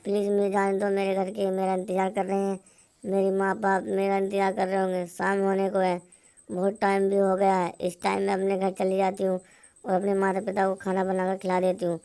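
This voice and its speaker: एक महिला कार्टून कहानी में एक ईमानदार, डरी हुई और गिड़गिड़ाती गाँव की लड़की की आवाज़ सपाट वाचन में पढ़ रही है।. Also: female voice, mid-range voice, brisk, clean tone, natural voice. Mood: pleading. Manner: monotone storybook reading. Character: honest young village girl, frightened and pleading.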